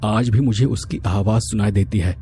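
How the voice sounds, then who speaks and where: A man narrating a horror story in a slow, measured, hushed way. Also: lowish voice, soft background music.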